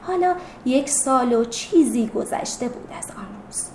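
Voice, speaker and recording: A woman's voice: on the high side, animated, a little mellow, echoey room, a little hiss or hum. A woman narrating a story expressively and acting out the characters' voices. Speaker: story reader.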